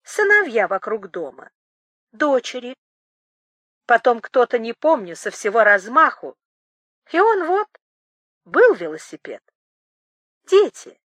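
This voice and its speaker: A frightened, embarrassed woman who stammers out apologies in halting phrases, read by a woman. Her voice is bright and close, recorded dry. She sounds timid and easily shaken. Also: on the high side, sing-song, no room sound, exaggerated voice. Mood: flustered. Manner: anxious, apologetic, faltering.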